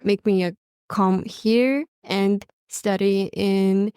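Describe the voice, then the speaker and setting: Mongolian-accented teen girl, slow and hesitant, smooth clear voice. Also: mid-range voice, steady tone, mellow, no room sound, clean studio sound. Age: teens. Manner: hesitant, searching for words. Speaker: exchange student guest. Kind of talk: casual podcast interview.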